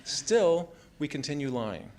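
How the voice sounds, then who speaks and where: Reading his personal essay live on a small theater stage, an American man in his fifties takes a measured storytelling approach and performs the quoted words of his family. His voice runs on the high side with a sing-song quality. The recording includes room noise and ambience.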